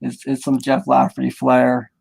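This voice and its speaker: Male co-host, strongly gravelly mid-range voice, rambling colloquial banter. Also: medium pitch, monotone, normal speed, darkish tone. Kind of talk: casual chat, joking and swearing.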